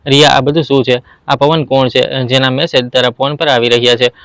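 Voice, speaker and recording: A man voicing a furious, hot-tempered brother who hurls accusations, his delivery flat and smooth. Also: medium pitch, brisk, no room sound, natural voice. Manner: shouting accusations.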